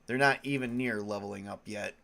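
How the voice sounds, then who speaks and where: Stuffed up with a cold, a game master chats casually on a tabletop live stream, rambling through lots of fillers and false starts. His mid-range voice is gravelly and bright, with a forceful tone.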